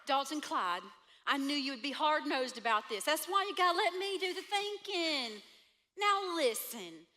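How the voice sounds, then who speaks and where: A woman's voice: high-pitched, expressive, normal speed, sharp tone. A woman in a church drama playing a scheming, bossy outlaw who talks in a brash drawl and laughs easily.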